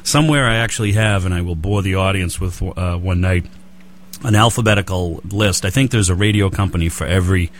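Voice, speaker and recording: A man's voice: low-pitched, brisk, a little hiss or hum. A man with a Boston accent hosting a radio hobby show, chatting loosely with many fillers and restarts. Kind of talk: casual interview chat.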